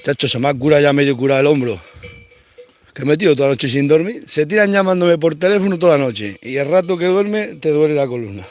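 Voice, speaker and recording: A man's voice: on the high side, fast talker. A man, a cattle farmer, rambling to himself and calling out to his cows as he works outdoors. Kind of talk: casual monologue while working.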